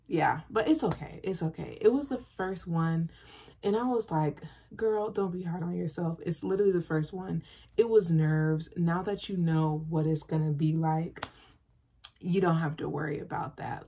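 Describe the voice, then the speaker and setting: A nursing student vlogger in her 20s chats casually to camera in her bedroom about her day, reassuring herself and gesturing expressively with her hands. Her voice is on the low side and slightly rough.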